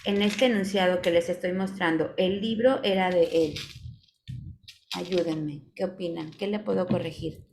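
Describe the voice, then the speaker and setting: A woman's voice: lowish voice, steady tone, a little slow, a little mellow. A woman with a Mexican Spanish accent teaching a live online class on spelling and punctuation. She is patient, asks "ok?" often and calls on her students by name. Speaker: online course instructor.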